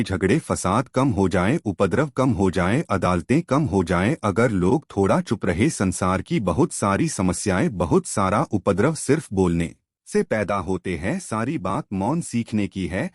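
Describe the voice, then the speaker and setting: Male storyteller, lowish husky voice, lively intonation, measured narration. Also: no room sound, clean studio sound. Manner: measured, reflective. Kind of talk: scripted narration.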